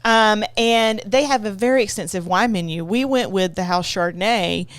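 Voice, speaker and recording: A woman's voice: mid-range voice, moderate pace, smooth. A woman co-hosting a casual food review in a conversational, emphatic way. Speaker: co-host reviewing theme park restaurants.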